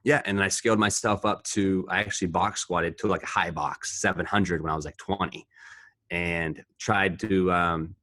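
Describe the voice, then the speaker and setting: Casting: man in his twenties, very deep voice, dry close sound, rambling and profane podcast storyteller. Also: fairly even intonation, moderate pace, bright, forceful tone, dry recording. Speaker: podcast co-host, powerlifter. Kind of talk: casual chat.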